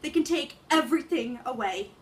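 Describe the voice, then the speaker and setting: A woman's voice: high-pitched, animated, moderate pace, slight background noise. A young woman performing a male monologue as a grieving, lovestruck man, in a mounting, impassioned delivery. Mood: passionate. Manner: building intensity, listing things. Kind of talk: dramatic monologue recitation.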